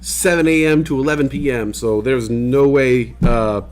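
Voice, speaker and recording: A man's voice: medium pitch, moderate pace, a little mellow. Laid-back man rambling to his stream. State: hiccuping. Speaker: livestream host. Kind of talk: casual chat to stream viewers. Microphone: desk microphone.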